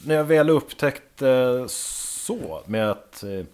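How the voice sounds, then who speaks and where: A man, a drummer, chatting casually as a guest and telling lively stories with plenty of casual swearing. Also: mid-range voice. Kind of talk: casual podcast chat.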